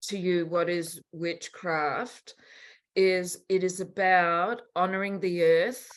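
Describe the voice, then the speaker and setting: A woman's voice: fairly low pitch, takes it slowly. A woman in her sixties, a podcast guest, speaking frankly and emphatically in a candid conversational interview. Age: 60s. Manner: frank and emphatic, swinging between soft and animated.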